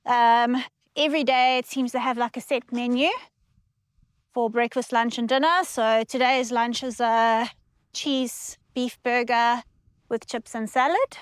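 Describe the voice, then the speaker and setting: South african lady vlogging casually, clear smooth voice, a bit high, close dry sound. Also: fairly even intonation, unhurried, no room sound. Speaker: travel vlogger. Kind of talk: casual vlog chat.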